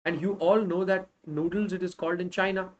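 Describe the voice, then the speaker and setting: A man's voice: high voice, steady tone, fairly quick, highs cut off, slight background noise. A man in his thirties with a North Indian accent, giving an emphatic live revision lecture to students as an online teacher. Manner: emphatic, interjects Hindi phrases. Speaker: online social science teacher.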